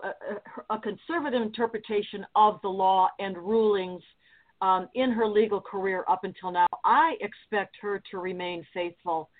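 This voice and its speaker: Female radio guest, mid pitch, halting and earnest, phone-line audio. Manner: hesitant, many fillers and restarts, then earnest. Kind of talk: talk radio interview. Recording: tinny phone-line sound.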